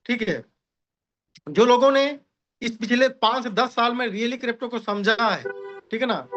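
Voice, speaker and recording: Man, very high voice, bright and sharp, persuasive pitch, video call audio, dull lo-fi sound. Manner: persuasive, repeats "ठीक है ना", addresses listeners as साथियों. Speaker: speaker at an online meeting. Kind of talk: motivational crypto pitch.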